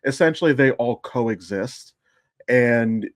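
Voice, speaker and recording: A podcast co-host who is also an amateur voice actor chats casually as a guest or co-host, telling a rambling, digressive story. His voice is medium-pitched and slow. The recording is clean studio sound with no room noise.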